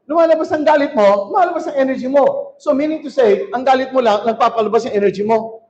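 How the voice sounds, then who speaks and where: A male pastor preaching a sermon in a church hall, shouting and calling on the crowd to answer back. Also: very high-pitched, quick pace. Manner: shouting, rousing, calls for crowd response. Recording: dull lo-fi recording.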